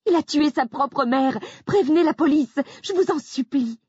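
A woman voicing a frightened young wife who pleads and accuses in a shrill, near-hysterical voice, from an audiobook. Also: normal speed, darkish tone, no room sound, muffled recording, lightly acted. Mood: panicked. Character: frightened young woman insisting on her story.

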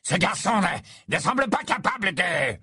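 A man's voice: lowish voice, a little slow, pushed and bright, breathy edge, no echo, studio quality, exaggerated voice. A man reading aloud voices a sneering, crooked-faced male henchman who cackles and taunts. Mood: amused. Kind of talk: audiobook character voice.

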